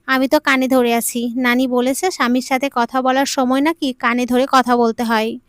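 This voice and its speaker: A childlike, innocent young bride chatters away in a bright high voice, as a woman narrator puts her on. She is playful and naive, heard in a dry, close audio-story recording. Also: little pitch movement, moderate pace, dry recording, close to an everyday voice. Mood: sweet, pleading.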